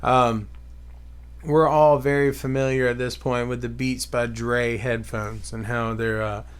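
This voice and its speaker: A man's voice: medium pitch, clear, resonant tone. A young man co-hosting a podcast in casual chat, laughing easily and explaining things. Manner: slow, relaxed, with frequent laughter. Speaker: podcast co-host.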